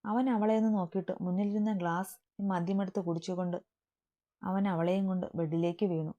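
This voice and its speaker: Mellow woman narrating a story. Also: lowish voice, steady tone, a little fast. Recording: dull lo-fi recording.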